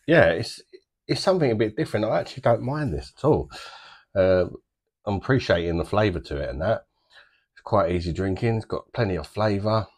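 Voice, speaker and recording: Low-voiced British man chatting a beer review. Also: animated. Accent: British English. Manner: chatty, easygoing, fillers and drawn-out descriptions. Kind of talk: casual review to camera. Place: small home bar room indoors.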